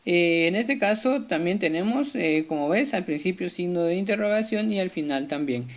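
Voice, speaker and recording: A man's voice: high-pitched, expressive, normal speed. A man, a primary school teacher, giving a friendly video lesson to children, speaking to the pupils directly with frequent hesitations.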